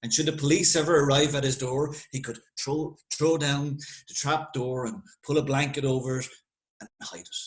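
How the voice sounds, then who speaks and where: A man with an Irish accent telling a folk tale in a lively, conversational way with dramatic pauses. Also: mid-range voice, poor audio. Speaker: storyteller. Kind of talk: spoken folk tale narration.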